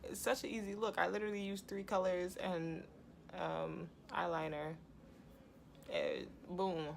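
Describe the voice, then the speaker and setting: A woman's voice: fairly low pitch, lively intonation, a little slow, vocal fry. A woman chatting casually through a makeup tutorial as a beauty vlogger, giggly, tipsy and rambling. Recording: noisy room ambience behind voice.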